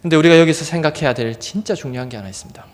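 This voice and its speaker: A man preaching a revival sermon in a church, animated and acting out crowd voices. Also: on the high side, rapid-fire. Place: church sanctuary. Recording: long hall reverb.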